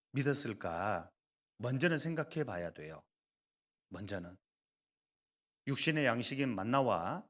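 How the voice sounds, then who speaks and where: A pastor with a fairly low voice preaches a sermon, alternating between loud emphasis and quiet asides while joking with the congregation.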